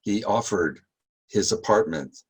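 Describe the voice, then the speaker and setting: A man with a lowish, husky voice leads a history tour. He talks in a loose, halting way, full of fillers and restarts. His voice climbs sharply when he gets emphatic. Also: rough recording. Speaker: tour guide. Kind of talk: guided history talk.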